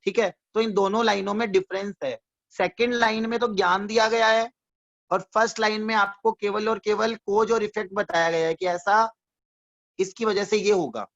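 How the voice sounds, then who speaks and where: Here the economics teacher's high voice is a bit bright, with fairly even intonation at a moderate pace. He repeats explanations, quizzes listeners with check-in questions, and affectionately addresses them as his students, all in a dull, dry, lo-fi classroom-style recording.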